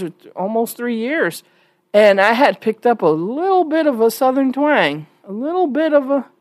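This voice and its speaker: A New York-based online commentator with an American accent and a fairly high pitch delivers casual opinions in an emphatic, questioning, conversational way. The recording is studio quality and echo-free.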